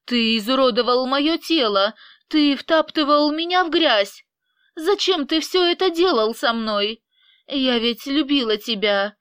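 A woman voicing a distraught, defiant young mother with shrill, tearful outbursts. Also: measured pace, a bit bright, smooth, no room sound, studio quality. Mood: anguished.

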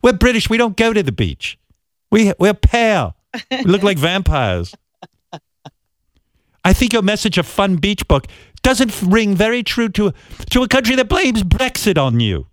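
A man voicing an indignant female British TV interviewer who scolds her guest slowly and emphatically. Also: high-pitched, big pitch swings, dry recording, studio quality. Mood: outraged. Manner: outraged, slow and emphatic.

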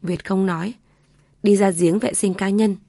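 A woman narrating a family story in a calm, even reading voice. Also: mid-range voice, measured pace, gravelly, no room sound.

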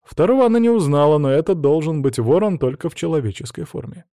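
Warm-voiced male audiobook narrator. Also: fairly high pitch, lively intonation, quick pace, dry recording, clean studio sound. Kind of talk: scripted narration.

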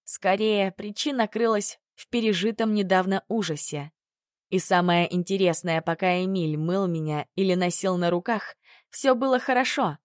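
A woman narrating a first-person novel in an expressive reading voice. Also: medium pitch, normal speed, dry recording, studio quality. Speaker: audiobook narrator.

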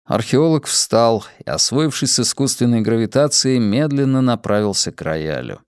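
A man narrating a novel as an audiobook in a steady, literary manner. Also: medium pitch, normal speed, clear, resonant tone, no echo, clean studio sound.

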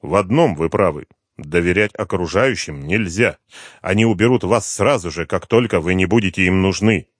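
A man's voice: low-pitched, normal speed, no echo, clean studio sound. A man playing a cool, commanding detective. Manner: firm and controlled, rising to stern lecturing. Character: calm, commanding male detective, middle-aged.

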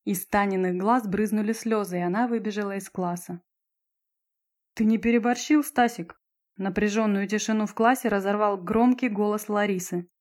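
A woman narrating a novel as an audiobook. Her reading is measured and even. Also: medium pitch.

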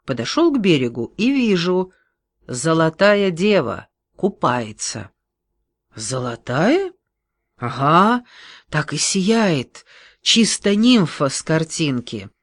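A reader voicing a naive, awkward young man who tells his story haltingly, in an audiobook. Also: medium pitch, big pitch swings, no room sound, studio quality, heavily acted. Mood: hesitant. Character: naive awkward young male forester's son.

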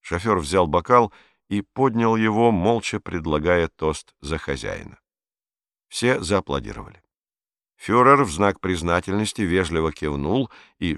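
A man narrating an audiobook in a calm, measured reading voice. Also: low-pitched, dry recording, studio quality. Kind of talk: scripted narration.

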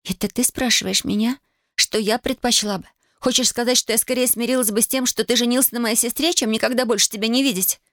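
A woman reading an audiobook, voicing a hurt young woman who reproaches her lover in high, loud outbursts. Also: fast, dry recording, studio quality. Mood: indignant.

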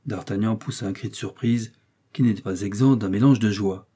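Here a male audiobook narrator with a husky, lowish voice delivers scripted narration of a classic novel. His storytelling stays measured and even throughout.

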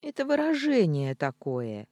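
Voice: mid-range voice, wildly swooping pitch, measured pace, dark tone, dry recording, pitched above the performer's own voice. An audiobook reader voicing a young woman who meets the afterlife with wry, sardonic remarks. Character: young woman, sardonic and quick-witted newcomer. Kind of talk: audiobook reading.

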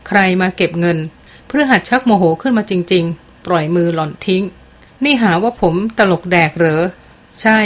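A woman narrating a dramatic novel as an audiobook reader, in a measured and expressive manner. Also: mid-range voice.

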